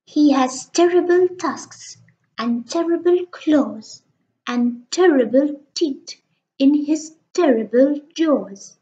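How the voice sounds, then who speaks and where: A woman's voice: high-pitched, takes it slowly, mellow, voice pushed up. A woman voicing a small, polite and cheeky mouse in a storybook reading. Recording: dull, lo-fi recording.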